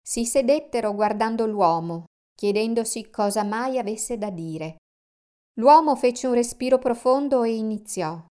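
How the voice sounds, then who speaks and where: Woman, storybook narrator, calm, measured, very slow, smooth clear voice. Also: fairly high pitch. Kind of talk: storybook read-aloud.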